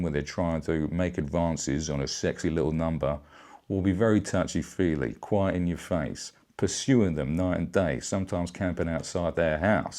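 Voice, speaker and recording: Middle-aged bloke ranting, really low voice, cheeky and crude. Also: male voice. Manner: brash, bawdy, blokey banter. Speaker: vlogger. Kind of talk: satirical comedy rant.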